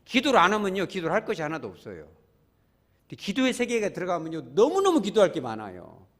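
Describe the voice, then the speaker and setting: A man's voice: high-pitched, fast talker. A man preaching a Sunday sermon as pastor, acting out prayers and little scenes and calling the congregation to join in. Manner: animated preaching with acted-out quotes and congregation prompts. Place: church sanctuary.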